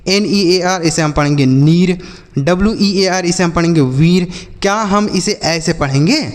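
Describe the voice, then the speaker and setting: A man's voice: sits high, a little fast, long reverb tail. A man teaching English reading, spelling words out letter by letter and quizzing his students. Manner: repeats questions to an imagined class. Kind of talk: spoken classroom lesson.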